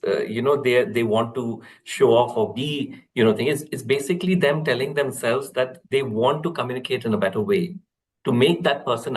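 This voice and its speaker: A man's voice: mid-range voice, low-quality recording. Man explaining a webinar lesson. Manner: steady, explanatory, with frequent fillers and restarts. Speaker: corporate trainer, webinar speaker.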